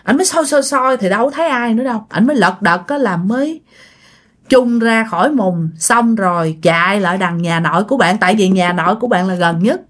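A woman's voice: medium pitch, expressive, a little fast. A woman telling a ghost story in a chatty way, speaking directly to her listeners. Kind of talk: casual ghost story narration.

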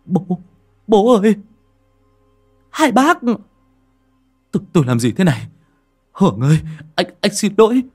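A man's voice: high voice, very animated, moderate pace, hardly any pauses, mellow, breathy edge, faint music behind, pitched above the performer's own voice, heavily acted. A man playing a young man who stammers desperate, remorseful cries. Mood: anguished. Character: young man, horrified and remorseful after waking.

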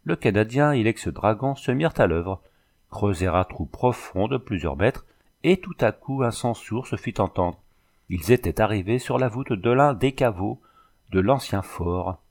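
A man reading a novel aloud as an audiobook narrator, in a steady, clear manner. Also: lowish voice, normal speed.

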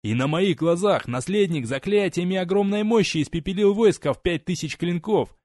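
Condemned captain, desperate shouting, pitched up; male narrator puts him on. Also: moderate pace, no room sound, studio quality. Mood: defiant.

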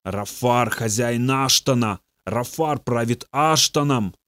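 A man voicing a boastful male demon speaking through a possessed youth, in a slow, low, gloating way. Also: fairly bright tone, no room sound, studio quality. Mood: frenzied.

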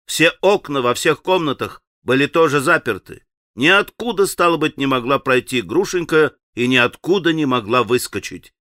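A man reading a classic novel aloud as an audiobook narrator, in a dramatic, expressive manner. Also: mid-range voice, moderate pace, no echo, clean studio sound. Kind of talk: scripted literary narration.

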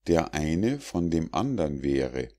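A man voicing a polite, quick-witted squirrel who stays wary, in a storybook fable reading. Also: very deep voice, very animated, heavily acted. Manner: courteous, gently mocking.

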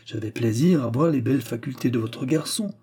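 A man voicing a gruff, irritable old professor who grumbles and flares up. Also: medium pitch, a little fast, dark tone, natural voice. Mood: angry.

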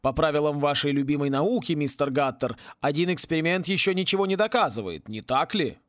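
A man reading an audiobook and voicing a calm, measured male wizard who quiets the room. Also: on the high side, no echo, clean studio sound, natural voice. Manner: slow, measured.

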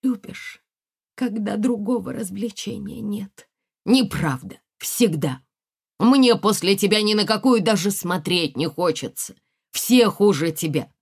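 A woman doing a loud, rowdy young husband. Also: medium pitch, lively intonation, a little slow, no echo, clean studio sound, pitched above the performer's own voice, exaggerated voice. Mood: pleading. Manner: loud, shouting, gruff. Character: excitable young male card-playing husband.

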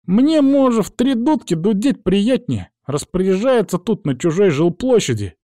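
A coarse, battered young woman, squawking in a very high, shrill voice, as a male reader puts her on. The tone stays dark and the sound dry. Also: sing-song, normal speed, no room sound. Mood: indignant.

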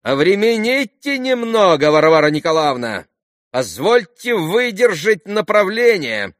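A man voicing a servile, buffoonish, agitated middle-aged captain in an audiobook, with a shrill, fawning, theatrical delivery. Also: big pitch swings, a little slow, a bit bright, no room sound, studio quality, heavily acted.

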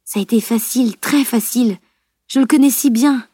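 A woman's voice: a little high, moderate pace, dark tone, breathy edge, no echo, clean studio sound, pitched above the performer's own voice. A woman reading an audiobook, voicing an impulsive, emotional teenage girl in a raised, urgent voice. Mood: worried.

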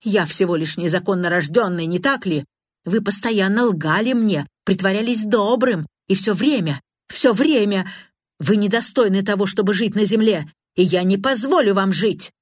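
A woman reading an audiobook, voicing a hysterical young man who shouts frantic accusations in a raised, loud voice. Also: low voice, moderate pace, no room sound, clean studio sound. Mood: raging, frantic.

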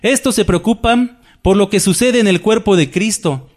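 Male pastor, somewhat high voice, delivering a sermon with emphatic repetition and rhetorical questions. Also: moderate pace, a little mellow. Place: church.

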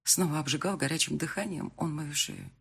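A woman narrating a first-person romance audiobook expressively, jumping to high, loud lines in the dialogue. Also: brisk, gravelly, breathy edge.

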